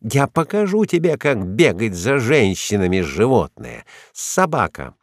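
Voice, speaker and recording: A man voicing a furious, jealous young wife who screams insults and threats in a shrill, venomous voice. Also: very animated, takes it slowly, no echo, studio quality. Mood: raging.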